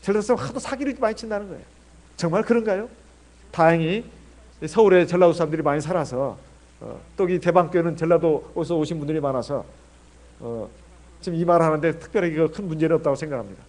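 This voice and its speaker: A man's voice: fairly high pitch, fast, darkish tone. A middle-aged man from Jeolla preaching a sermon as pastor, chatty and full of rhetorical questions. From Jeolla, South Korea.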